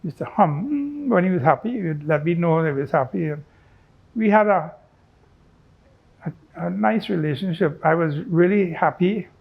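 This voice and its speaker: A man's voice: high voice, expressive, moderate pace, creaky, slightly rough, narrow, tinny audio. A man speaking reflectively in an interview, often adding little tag questions. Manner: musing, with frequent tag questions.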